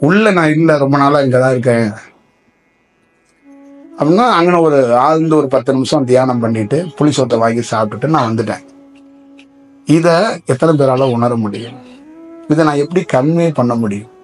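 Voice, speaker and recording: A man's voice: medium pitch, normal speed, long pauses, soft background music. A man giving a rambling spiritual discourse as a teacher, often asking his listeners rhetorical questions.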